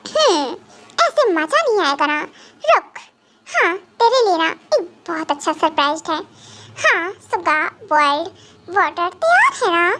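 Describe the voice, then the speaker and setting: A woman's voice: very high-pitched, big pitch swings, a little slow, pushed and bright, full character voice. A woman voicing a menacing young male psychopath gang boss in a fan dub drama, taunting and threatening.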